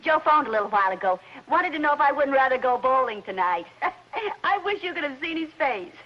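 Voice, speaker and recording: A woman's voice: high voice, expressive, quick pace. A woman playing a giggly, gossipy friend chatting on the phone in a 1950s radio sitcom. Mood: amused. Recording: dull lo-fi old radio broadcast with hiss.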